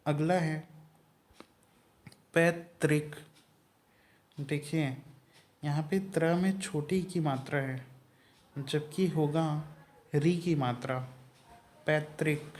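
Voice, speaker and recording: A man's voice: fairly high pitch, fairly even intonation, very slow, pauses often. A man teaching an exam-prep Hindi spelling lesson, explaining each word letter by letter.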